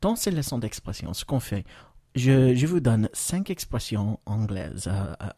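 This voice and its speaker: An American man hosts a podcast lesson in a dark, mellow voice. He talks patiently, pausing often on fillers and slowing down for model phrases. The recording is close and dry, with no room sound. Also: mid-range voice, big pitch swings, dry recording. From United States. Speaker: English teacher, podcast host.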